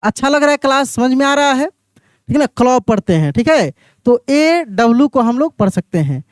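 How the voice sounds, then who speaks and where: A man's voice: very high voice, expressive, smooth, no echo, studio quality. A male teacher giving an online English pronunciation lesson. He spells out words letter by letter, asks what they are read as, and answers his own questions over and over. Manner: slows down to spell out letters one by one.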